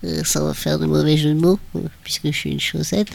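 A grumpy talking sock with strong dislikes, grumbling in a halting, deadpan way, as a woman puts him on. He fumbles through hesitations on a live radio show. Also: deep voice, creaky, a little hiss or hum. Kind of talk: comic radio banter.

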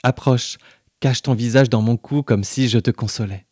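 A man voicing a teasing, commanding young woman friend in a low, hushed, coaxing tone. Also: moderate pace, husky, no echo, studio quality, close to an everyday voice.

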